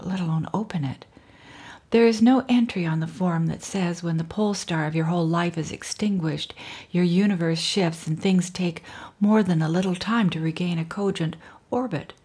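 A middle-aged woman reading aloud from her own memoir in a wry, dryly humorous way, often dropping into soft whispers. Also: on the low side, normal speed, slightly rough. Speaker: author reading her book.

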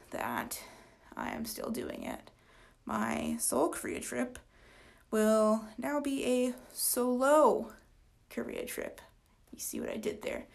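A woman in her twenties hosting a casual solo podcast, tired and yawning, rambling with lots of fillers and soft trailing endings. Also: mid-range voice, gravelly. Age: 20s. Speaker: podcast host.

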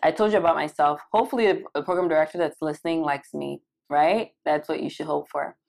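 A young adult woman from Cameroon coaching doctors for residency interviews in a live Q&A, animated and emphatic, repeating points for stress. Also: low-pitched, fast, vocal fry. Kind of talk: live Q&A session.

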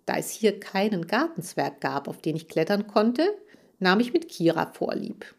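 A woman reading a children's story aloud as the audiobook narrator, with a lively, expressive delivery. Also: mid-range voice, normal speed.

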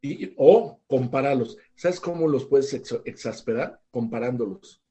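A man's voice: mid-range voice, animated, unhurried, mellow, lo-fi sound. An older man with a Mexican accent, a psychologist explaining ideas to a talk show in a conversational, example-filled way. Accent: Mexican Spanish. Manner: conversational, teaching with everyday examples, many restarts.

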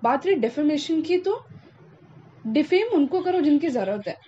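A woman's voice: sits high, lively intonation, moderate pace, warm tone. A young woman hosting a podcast, talking with passion and emphasis and slipping in English phrases, in a casual interview chat. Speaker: podcast host. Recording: dull lo-fi sound with faint noise.

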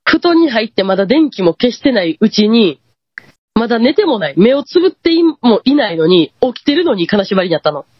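Kansai woman guest, husky, lively pitch, muffled dry lo-fi call audio, animated ghost-story teller. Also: brisk, dry recording. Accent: Kansai Japanese. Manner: animated, acts out quoted lines. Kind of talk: casual ghost-story telling.

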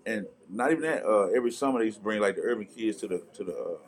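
A man from Charlotte, a rapper telling animated, slangy stories as a guest in a casual interview. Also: fairly low pitch, racing. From Charlotte, North Carolina. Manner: animated storytelling, swearing, slangy. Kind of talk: casual conversation.

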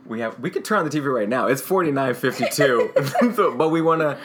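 A man's voice: medium pitch, fairly quick, a loud crowd. A young man co-hosting a casual sports podcast, rambling with frequent restarts and laughs. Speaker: podcast co-host.

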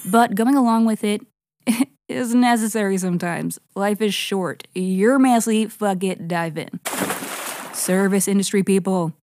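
A woman's voice: medium pitch, a little mellow, slight background noise. An American woman narrating a horoscope in a casual comedic style, irreverent and sweary, with slangy, playfully dramatic delivery. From New England, United States. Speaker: astrologer, host.

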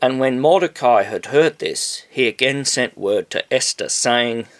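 A man reading scripture aloud in a measured, solemn way. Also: medium pitch.

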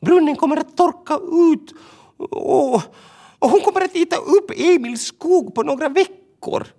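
A man doing a frantic shrill seagull. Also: lively intonation, warm tone. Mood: panicked. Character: excitable anxious female seagull.

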